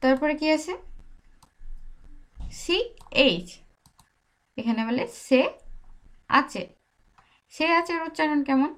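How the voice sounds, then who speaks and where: A young woman with a high voice gives a language lesson at a very slow, deliberate pace. She says each sound again and again so the listener can repeat it after her. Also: fairly bright tone. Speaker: language tutor.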